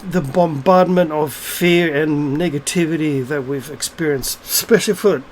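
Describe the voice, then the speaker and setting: A man's voice: fairly high pitch, moderate pace, darkish tone, slight background noise, rough recording. A middle-aged man in an unscripted, ranting video monologue, blunt and profane, rambling with many fillers and restarts. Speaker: video blogger.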